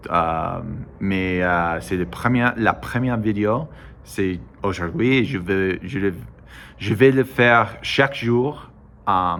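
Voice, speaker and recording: A low-pitched American man vlogs casually in broken French as a native English speaker. His delivery is slow and halting, full of hesitations, repeated starts and self-corrections. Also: a bit bright, smooth. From United States. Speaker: vlogger. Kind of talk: casual monologue to camera.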